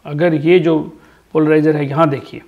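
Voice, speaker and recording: A man's voice: on the high side, flat delivery, moderate pace, narrow, tinny audio. A man teaching a physics lesson, explaining step by step, repeating key terms and answering his own questions. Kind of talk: classroom lecture.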